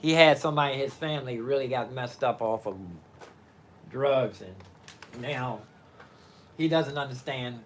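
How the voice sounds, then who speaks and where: A man's voice: mid-range voice, a little slow, long pauses, slight background noise. An older man on a live stream from his living-room home studio, talking casually. He meanders and halts, thinking aloud with many fillers and restarts. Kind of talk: rambling live-stream chat.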